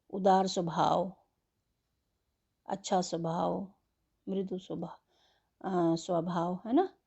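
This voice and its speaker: A woman teaching an English worksheet, slowly spelling words letter by letter and explaining them in Hindi. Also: mid-range voice, dark tone, lo-fi sound. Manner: slow and patient.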